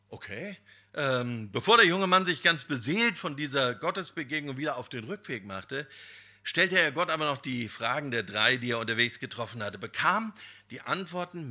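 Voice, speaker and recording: Bright-voiced male preacher. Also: medium pitch. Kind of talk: sermon with storytelling.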